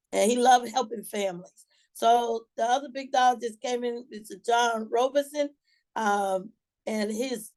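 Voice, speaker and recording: A woman from Georgia with a Southern US accent speaks in a folksy, encouraging, colloquial way, leading a motivational sales team call. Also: on the high side. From Georgia, USA. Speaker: sales team leader hosting a morning call.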